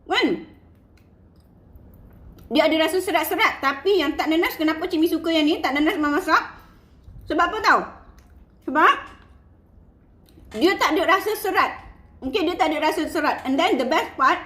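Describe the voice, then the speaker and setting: A woman's voice: very high voice, fairly bright tone, echoey room. A Malaysian woman giving casual, playful marketing tips to her sales team, mixing in English words and laughing often. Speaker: online seller coaching her team.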